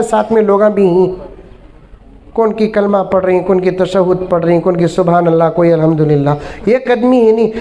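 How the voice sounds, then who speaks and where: A man, an Islamic preacher telling humorous stories in a sermon and acting out the people in them. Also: sits high. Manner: animated, acts out quoted people.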